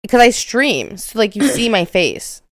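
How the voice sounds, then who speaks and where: A young woman co-hosting a casual podcast chat, animated and quick to laugh. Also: a little high, no room sound, clean studio sound. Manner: animated, laughs often, shrieks when amused. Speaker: podcast co-host.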